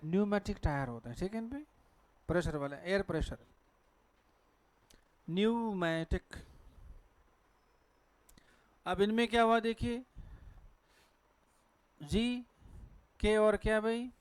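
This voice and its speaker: A man's voice: high voice, moderate pace, pauses often, clean tone, no room sound. A man with a Hindi accent teaching pronunciation to a class at a board, asking questions and answering them himself. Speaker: English teacher.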